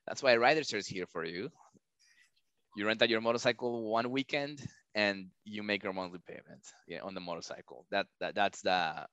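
A man's voice: fairly low pitch, moderate pace, a bit bright, clean tone, dry recording, highs cut off. A man as a podcast guest, explaining finance step by step with frequent restarts. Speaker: startup founder guest. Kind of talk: casual interview chat. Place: lives in a large city.

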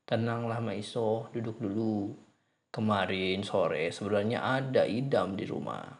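A man puts on an old village shaman with a low, steady, dismissive voice, a storybook elder who calmly defends his own. The tone is dropped below the narrator's usual register and kept quiet. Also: measured pace.

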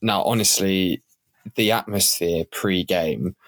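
A man, hoarse and a little croaky, chatting excitedly as a podcast co-host. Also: low voice, slow, no room sound. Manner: excited, enthusiastic. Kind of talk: casual podcast chat.

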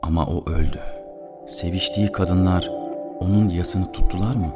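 Somber low-voiced male storyteller. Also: steady tone, normal speed, loud music behind the voice. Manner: somber, reflective first-person reading. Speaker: narrator. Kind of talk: scripted narration of a literary story.

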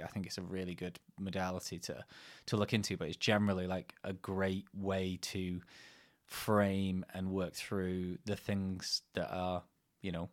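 Man, low pitch, podcast host, reflective, wandering, bantering. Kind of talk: casual chat.

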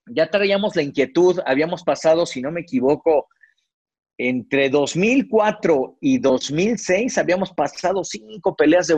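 A middle-aged man with a slightly high voice speaks as a sportscaster guest, recalling his career in reflective interview stories. He frequently uses fillers and restarts. No echo is present, and the recording is dry and slightly dull.

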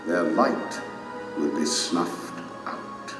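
Majestic stern king: low, solemn, declamatory, audio drama, cavernous echo. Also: expressive, extremely slow, exaggerated voice. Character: majestic stern king and divine judge pronouncing sentence. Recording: echoey reverberant hall, distant, music underneath. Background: dramatic music.

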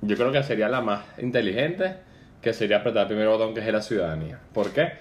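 A young man with a Venezuelan accent talks things through in an easygoing way among friends. He sounds calm and sure of himself, with casual slang. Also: on the low side, fast talker, muffled recording, slight background noise. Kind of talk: casual banter.

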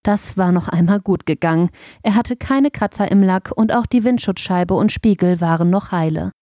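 A woman narrating a children's audiobook in a gentle, expressive storytelling manner. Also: lowish voice, normal speed, no room sound, studio quality.

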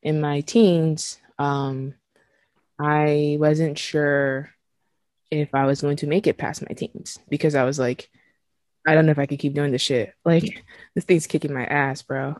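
A young woman from Nigeria hosts a podcast in a low, dry voice. She talks frankly and emotionally, with casual swearing and laughter between thoughts. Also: steady tone, a little slow, darkish tone, no room sound. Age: 20s. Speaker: podcast host. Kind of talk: candid podcast conversation.

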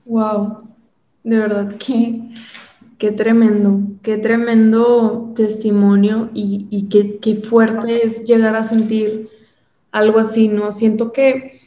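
A woman interviewer answers slowly and sympathetically in a mellow, fairly high voice. Her delivery stays flat and even, and the room gives her words a noticeable echo. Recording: roomy echo.

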